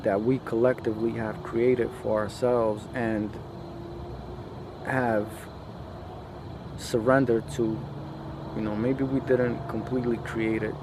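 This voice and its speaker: Speaking over a noisy background in a medium-pitched voice, this man, a podcast host from a post-Soviet country, muses casually on his own. His talk halts and repeats, stuffed with slangy filler.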